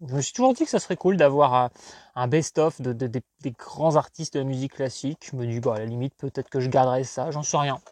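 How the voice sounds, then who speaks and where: A man in his thirties from France, talking casually about his finds in a rambling way, questioning himself and breaking into bursts of excitement. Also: medium pitch, fast. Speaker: collector vlogger. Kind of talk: casual unboxing commentary.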